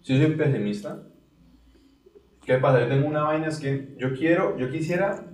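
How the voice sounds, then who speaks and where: A man's voice: a little high, normal speed, darkish tone. A young man co-hosting a casual podcast chat, slangy and loose, explaining things through examples. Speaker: podcast co-host. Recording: roomy sound, mic at a distance.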